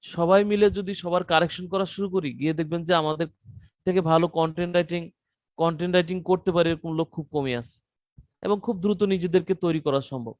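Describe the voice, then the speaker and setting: A man teaching an online class in a loose, conversational way, often pausing to rephrase. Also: on the high side, fairly even intonation, darkish tone, no room sound, dull audio. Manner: conversational teaching with frequent fillers and restarts. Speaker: content writing trainer.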